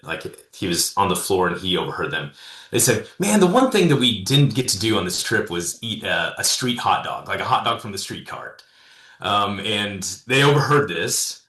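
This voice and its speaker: A consultant and speaker tells stories in a casual interview, rambling with lots of fillers and restarts. His deep voice is bright and forceful, with a reverberant sound.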